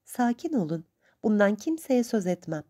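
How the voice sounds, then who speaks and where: A woman reading the lines of a spirited, proud young woman, speaking quickly and emphatically in a raised voice. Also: medium pitch, very animated, mellow, pitched above the performer's own voice.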